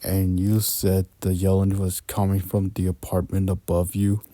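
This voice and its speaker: A man's voice: low voice, monotone, normal speed, dark tone, no room sound, lightly acted. A man doing a tired, weary apartment manager. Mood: weary, puzzled. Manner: weary, questioning. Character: tired, sleepy middle-aged male apartment manager.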